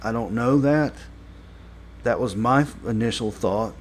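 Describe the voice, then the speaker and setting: A man giving a casual spoken review, rambling and halting with many fillers and restarts, blunt and critical. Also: mid-range voice. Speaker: show reviewer.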